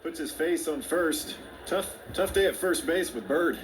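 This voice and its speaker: A man's voice: on the high side, measured pace, crowd noise, rough recording. A man doing baseball color commentary, talking through plays in a conversational, explaining way. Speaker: color analyst. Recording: broadcast with clear ballpark ambience.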